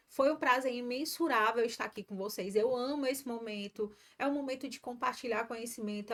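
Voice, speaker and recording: Upbeat woman teaching live. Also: on the high side. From Ceará, Brazil. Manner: warm, encouraging, chatty asides to students. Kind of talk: live online grammar lesson.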